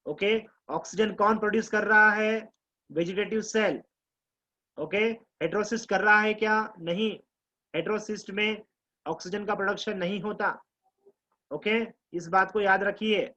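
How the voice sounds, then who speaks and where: A man teaching biology to exam students, mixing Hindi with Indian English, explaining slowly, repeating key terms and quizzing his class. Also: sits high, fairly even intonation, bright, forceful tone, lo-fi sound. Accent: Indian English mixed with Hindi. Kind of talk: live online class lecture.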